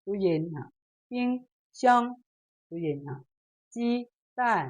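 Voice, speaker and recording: A woman's voice: fairly low pitch, expressive. A woman with a Lao accent teaching a beginner Chinese lesson, saying each word twice and explaining its meaning. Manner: slow, repeats each word, reads Chinese aloud brighter and louder. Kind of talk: language lesson.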